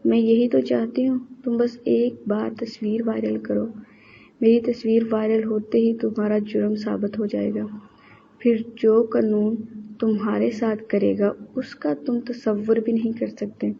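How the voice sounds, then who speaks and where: A woman voicing a young woman who pleads softly or speaks sharply and firmly. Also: on the high side, little pitch movement, vocal fry, a little hiss or hum. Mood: defiant. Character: young woman, frightened then defiant. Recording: slightly muffled recording.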